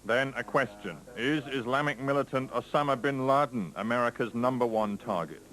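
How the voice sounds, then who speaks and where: A man reporting as a television news correspondent in a measured, grave scripted delivery, heard from a worn videotape copy. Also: mid-range voice, crowd noise, poor audio. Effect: worn VHS tape copy.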